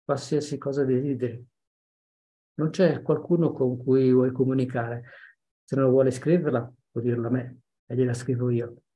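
A man's voice: mid-range voice, little pitch movement, normal speed, dark tone, lo-fi sound, close to an everyday voice. A man voicing a patient, reasonable adult male visitor in a story read aloud. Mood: calm.

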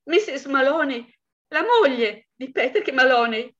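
A woman's voice: lively intonation, unhurried, fairly bright tone. A woman doing a frantic young wife feigning grief. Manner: high, frantic, breathless pleading. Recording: dull lo-fi recording.

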